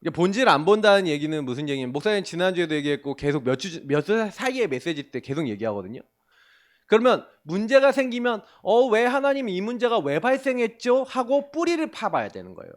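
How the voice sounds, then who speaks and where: Male pastor giving a youth sermon, pitched high and very animated, answers his own questions. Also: fast. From South Korea. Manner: animated, asks the congregation questions and answers them himself.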